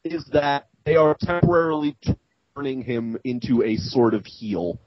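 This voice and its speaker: A man's voice: mid-range voice, expressive, normal speed, no room sound, muffled recording. A man co-hosting a podcast, eagerly jumping in with his take in casual chat. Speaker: podcast co-host. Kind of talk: casual chat recapping wrestling.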